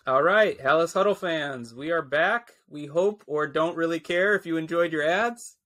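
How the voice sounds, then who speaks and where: A man with a slightly higher voice hosts a casual sports podcast. He chats easily, teases his co-host, and keeps the show moving. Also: moderate pace, fairly bright tone. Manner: chatty, teasing, steers the show. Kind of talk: casual chat.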